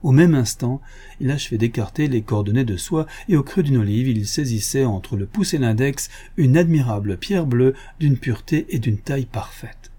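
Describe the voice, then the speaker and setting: Mellow-voiced man narrating a novel. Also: mid-range voice, breathy edge. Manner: steady, measured storytelling. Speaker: audiobook narrator. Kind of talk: scripted narration.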